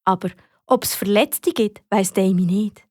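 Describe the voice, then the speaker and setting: A woman with a Swiss German accent narrating a children's audiobook in a lively, expressive way. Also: medium pitch, a little slow, no echo, clean studio sound. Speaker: storyteller.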